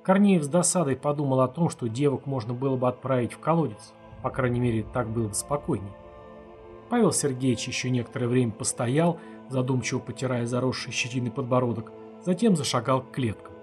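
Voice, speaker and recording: A man reading a dark novel aloud as an audiobook narrator in an even, measured way. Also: mid-range voice, soft background music. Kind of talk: scripted narration.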